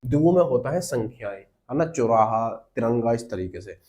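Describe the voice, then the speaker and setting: A man's voice: medium pitch, animated, normal speed, a little mellow. A man teaching an exam-prep lesson, explaining step by step and answering his own questions, often calling the listeners brother.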